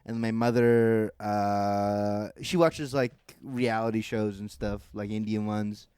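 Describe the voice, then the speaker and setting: A man's voice: on the low side, takes it slowly, clean tone, no room sound. A young man co-hosting a comedy podcast, joking and laughing often as he chats. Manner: animated, laughs often, dry jokey asides. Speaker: podcast co-host. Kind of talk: casual comedic banter.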